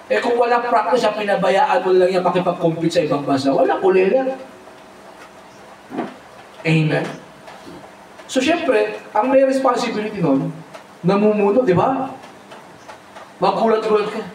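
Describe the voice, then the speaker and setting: A man preaching as a pastor, animated and humorous, mixing English phrases and often calling out amen. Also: sits high, normal speed, pauses often, recorded from a distance, a little hiss or hum. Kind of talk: Tagalog sermon with humor. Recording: echoey hall, mic from afar.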